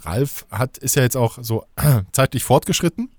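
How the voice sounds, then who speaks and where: A man hosts a casual podcast, spinning a playful, rambling anecdote with comic asides. His voice sits at a normal male pitch. The room sounds dry and close. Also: expressive, moderate pace, no room sound. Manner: joking storyteller, playful and rambling. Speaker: podcast co-host.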